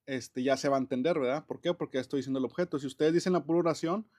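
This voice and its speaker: A man explains English grammar in a casual classroom style, talking rapid-fire in a slightly high, slightly mellow voice. He's chatty and laughs often, with lots of fillers and restarts.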